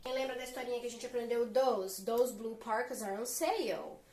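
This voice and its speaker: A woman with a high voice teaches English grammar at a whiteboard. She explains step by step and keeps asking her students rhetorical questions. The sound is roomy and echoey. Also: moderate pace, crowd noise. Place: room with a whiteboard.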